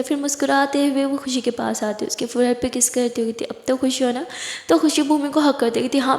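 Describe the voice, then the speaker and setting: A woman narrating a spoken love story with a high voice and a chatty, lively telling. The room is echoey, with a long reverb hanging after her words.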